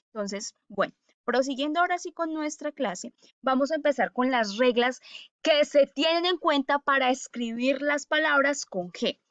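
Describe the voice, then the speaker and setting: A woman's voice: high-pitched, dry recording, lo-fi sound. A woman teaching a language lesson to children, patiently sounding out syllables and often checking that they follow. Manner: patient, repeats syllables slowly, checks in with "¿cierto?" and "¿listo?".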